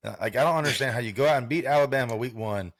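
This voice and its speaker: A man's voice: mid-range voice, racing, no room sound, clean studio sound. A man co-hosting a podcast in casual sports chat, rambling and repeating himself as he talks. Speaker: podcast co-host.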